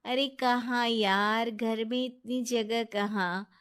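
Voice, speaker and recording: A woman voicing a kind, trusting young woman friend in a storybook tale, with a lively, soothing way of talking. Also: a little high, takes it slowly, clear, resonant tone. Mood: friendly.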